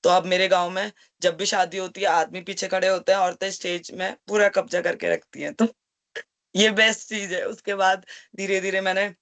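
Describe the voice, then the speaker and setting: A woman's voice: mid-range voice, flat delivery, moderate pace, fairly bright tone. A woman who runs a business in her village, telling her story in an earnest, plain-spoken way. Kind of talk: personal storytelling.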